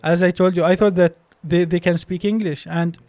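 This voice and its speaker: This is a high male voice, fairly even in intonation and a little mellow, moving at a moderate pace with no room sound. The young speaker, a Palestinian-accented Arabic native speaker and doctor, shares stories as a guest on a podcast. His casual interview storytelling is hesitant, full of restarts.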